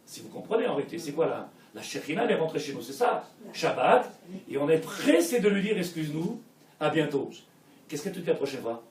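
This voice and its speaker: Animated rabbi, high voice, echoey room. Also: male voice, quick pace. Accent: French Israeli. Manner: animated, swings from soft to shouting, peppered with Hebrew. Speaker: rabbi giving a Torah class. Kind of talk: sermon. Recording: echoey room, mic at a distance.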